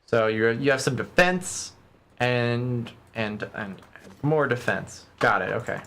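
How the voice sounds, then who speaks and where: A man's voice: mid-range voice, takes it slowly, fairly bright tone. A man giving casual, playful, rambling commentary as he plays a video game. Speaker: game streamer playing and narrating. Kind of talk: casual let's play commentary, reading game text aloud.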